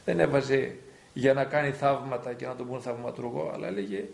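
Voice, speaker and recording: A man's voice: medium pitch, steady tone, vocal fry, darkish tone. A man, a priest, earnestly recalling an elder in a documentary interview. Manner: earnest, reflective storytelling. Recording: roomy echo.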